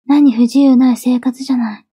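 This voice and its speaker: Breathy, high-pitched yandere girlfriend, ASMR role-play. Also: fairly even intonation, normal speed, no room sound. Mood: obsessive, insistent. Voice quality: soft, breathy. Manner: yandere: obsessively loving, soft, pleading turning coldly threatening. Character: possessive, clingy yandere girlfriend, sweet yet menacing.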